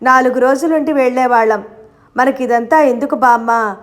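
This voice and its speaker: A woman's voice: high-pitched, normal speed, close to an everyday voice. A woman reading a novel aloud and voicing its young heroine, who calls out and pleads in fear. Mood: anxious. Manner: calling out, pleading.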